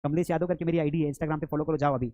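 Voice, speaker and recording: A man's voice: fairly high pitch, fairly even intonation, rapid-fire, dry recording, lo-fi sound. Guy teaching english online, hindi accent, keeps saying beta and quizzing the class, dry close sound. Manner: addresses students as beta, asks questions and answers them himself.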